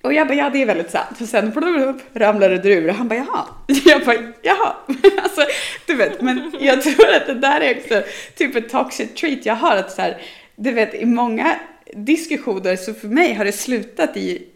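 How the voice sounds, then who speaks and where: A young woman co-hosting a casual podcast chat, telling animated stories and laughing often. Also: a little high, vocal fry. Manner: animated storytelling, quoting others, laughs often. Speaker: podcast co-host.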